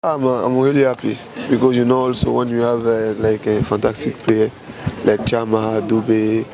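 A man who plays football, answering interview questions hesitantly with many pauses and fillers. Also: mid-range voice, monotone, crowd noise. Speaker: football player. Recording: loud street noise outdoors with traffic.

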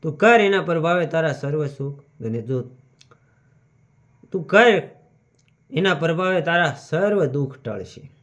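A man's voice: fairly high pitch, animated, normal speed, hardly any pauses, lightly acted. Guy reading as a kind but commanding god giving orders, dull recording. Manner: authoritative, instructive.

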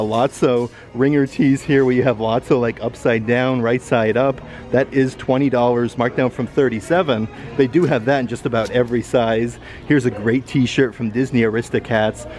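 Filming handheld in an outlet store, a man with a medium-pitched, slightly mellow voice gives an upbeat, enthusiastic shopping walkthrough, reading out prices as he goes.

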